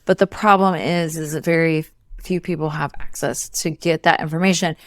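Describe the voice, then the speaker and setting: A woman co-hosting a podcast, calmly explaining protein and calorie math step by step. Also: low voice, moderate pace, no room sound, studio quality. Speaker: podcast co-host, nutrition expert. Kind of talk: casual explanatory chat.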